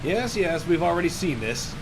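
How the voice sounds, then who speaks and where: Animated, lively-pitched man streaming games. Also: moderate pace, noisy background. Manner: laughs often, playful and animated. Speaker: gaming livestream host. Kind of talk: casual gameplay commentary.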